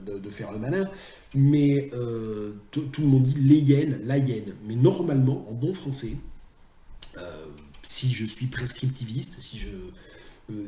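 A man's voice: mid-range voice, mellow, roomy sound, a little hiss or hum. A man teaching translation in a recorded video lecture, chatty and self-mocking, often drifting into asides.

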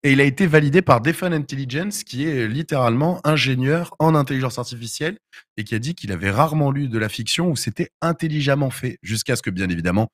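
A young male host keeps a livestream moving with a lively, joking manner and reads out what the chat writes. His voice sits at an ordinary pitch, and the recording is close and dry, with no room sound. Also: fast, dry recording.

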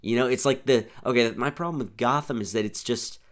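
A man's voice: medium pitch, fairly quick. A young man hosting a podcast in casual chat, rambling and restarting his sentences often. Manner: rambling, restarts often, says "here's the thing". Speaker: podcast host.

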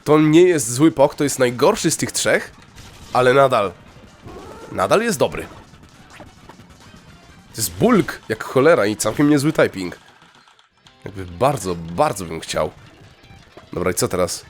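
A young man giving casual gameplay commentary, chatty and excitable, breaking into sudden high yelps when thrilled. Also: unhurried, long pauses, faint music behind. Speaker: let's play gamer.

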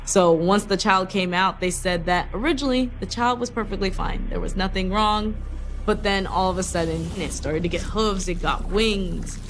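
Young woman, medium pitch, conversational interview storytelling, music behind. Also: moderate pace, rough recording. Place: indoor studio.

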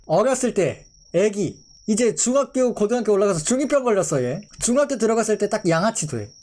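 A man's voice: high voice, big pitch swings, fairly quick, darkish tone. A young man in his twenties, a streamer chatting casually with his viewers, playful and mock-outraged.

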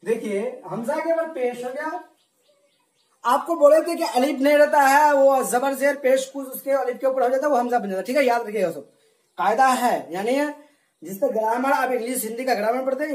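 Male teacher, slow patient delivery, quizzing pupils with call-and-response, roomy echo. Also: extremely high pitch. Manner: slow, repetitive drilling with call-and-response questions. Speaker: religious studies teacher. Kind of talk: recorded classroom lesson.

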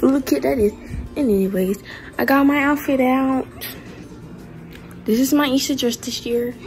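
A woman's voice: sits high, measured pace, faint music behind. A young woman vlogging casually at home on her phone, chatty, laid-back and slangy. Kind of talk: casual vlog. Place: home, indoors.

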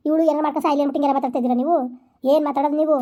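A woman plays a fierce young elder sister in a village skit, rattling off rapid scolding lines with protective indignation. Her voice is high but mellow and darker in tone, steady and natural.

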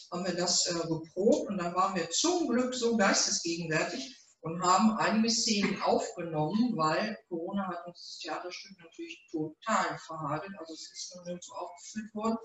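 A woman's voice: medium pitch, a bit bright. A middle-aged woman, the author, hosting a reading and chatting casually with many fillers, recorded from a far camera in a small room. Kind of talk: casual event introduction. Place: small event room, indoors. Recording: roomy echo, mic far off.

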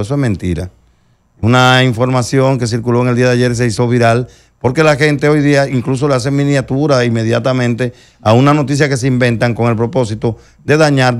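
A Dominican man hosting a talk show, running through news items in a conversational way with frequent pauses. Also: medium pitch. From Dominican Republic. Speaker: show host.

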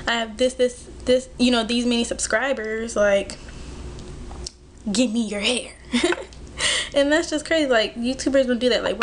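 With a voice on the higher side, a twentysomething beauty vlogger talks casually to her audience as she applies makeup, filling her speech with "like" and "you know." She's in her bedroom, recorded close to the camera's built-in mic, and there's slight background noise.

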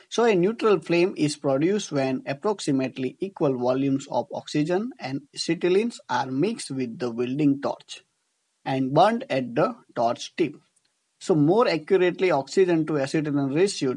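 With a slightly high, somewhat mellow voice that's a bit rough, a man with an Indian accent narrates a scripted engineering tutorial over slides. He teaches didactically, often rephrasing what he has just said.

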